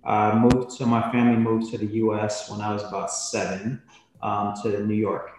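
Flat low-voiced man in an echoey room. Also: recorded from a distance. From Jamaica. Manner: measured, with frequent ums. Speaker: podcast guest, venture capitalist. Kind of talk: interview answer.

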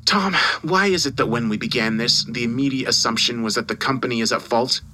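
In a dramatised audio story, a man plays a domineering newspaper boss who mocks and bullies his employee, forceful and condescending. His mid-range, natural voice has a bright, hard edge and a brisk pace, intense and persuasive in mood. Faint noise sits behind him.

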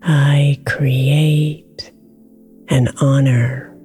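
A woman guiding a sleep meditation with affirmations, speaking softly and slipping into whispers, over soft music in the background. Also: a bass voice, level tone, slightly rough. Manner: slow, soft-spoken, drifting into whispers. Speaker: meditation guide.

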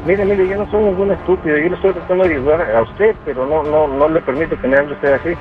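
A man's voice: a little high, fairly even intonation, fast, soft background music. A man working at a shop who answers the phone politely and grows firm when he is insulted. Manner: polite customer-service tone, growing firm. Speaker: prank call target, butcher shop worker. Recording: muffled phone line.

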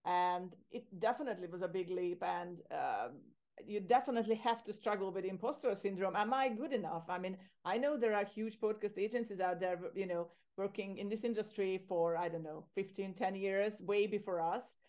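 Middle-aged woman from Hungary; relaxed, chatty guest who laughs and loops back mid-sentence. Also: medium pitch, moderate pace. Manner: chatty, laughs easily, often restarts phrases. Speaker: podcast guest, agency owner. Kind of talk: casual interview conversation.

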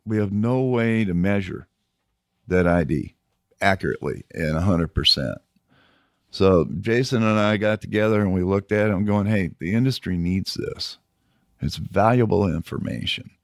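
A man's voice: sits low, moderate pace, dry recording, studio quality. A man speaking as a company founder and podcast guest, giving conversational interview answers.

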